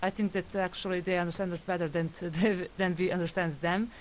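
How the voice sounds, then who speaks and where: A young woman with a Serbian accent answers interview questions outdoors in English, her native tongue being Serbian. Her voice sits a little low, and she explains eagerly, piling up examples with fillers. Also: steady tone, fairly quick, a little hiss or hum, poor audio. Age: 20s.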